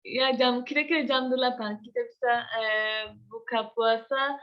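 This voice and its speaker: Turkish lady talking indonesian as a foreigner, highish voice, halting simple phrases, muffled call audio. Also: fairly even intonation. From Turkey. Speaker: guest speaker. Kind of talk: casual online question-and-answer chat. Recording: dull lo-fi online call audio.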